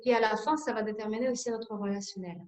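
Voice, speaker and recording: A Russian-accented woman in her forties runs an introductory relaxation workshop, her voice sitting slightly high. She explains step by step, often hesitating with fillers as she searches for her words. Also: fast. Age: 40s. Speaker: sophrology instructor.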